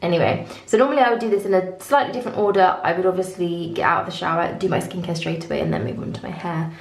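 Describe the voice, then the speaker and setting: A beauty vlogger talks fast to camera in a small indoor bathroom whose tiles make the recording echo. Her voice sits on the low side and is expressive as she walks through her morning routine, chatty and informal with little self-deprecating asides.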